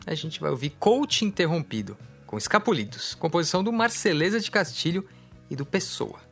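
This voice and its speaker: A man's voice: a little high, big pitch swings, fairly quick, gravelly, husky. A man co-hosting a radio music show, chatting easily and correcting himself as he thinks aloud. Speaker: radio host. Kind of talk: casual radio chat introducing songs.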